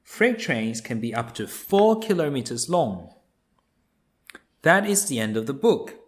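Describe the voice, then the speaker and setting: Reading a children's nonfiction book aloud, a man explains things in a simple, deliberate way for young listeners. His voice sits at a medium pitch and is very animated.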